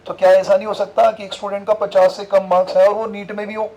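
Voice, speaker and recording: A man's voice: sits high, little pitch movement, fast talker, warm tone, poor audio. A man teaching a physics class, constantly asking his students questions and repeating the key terms. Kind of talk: classroom lecture.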